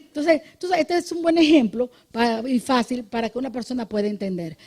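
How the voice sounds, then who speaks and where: This is a woman pastor giving a midday sermon in church, explaining doctrine in a chatty, teacherly way. Her voice sits a little high yet sounds mellow and soft-edged. She keeps checking in with the congregation and punctuates points with amen, sometimes restarting a word. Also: husky. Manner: conversational teaching, checks listeners with "¿ok?" and "amén"; repeats and restarts words when thinking. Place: church service.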